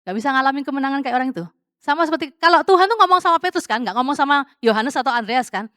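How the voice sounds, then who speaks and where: A woman's voice: sits high, expressive, rapid-fire, fairly bright tone, no room sound, studio quality. A woman preaching a casual, testimony-style sermon, chatty and conversational, dropping English words into her talk and asking the congregation questions.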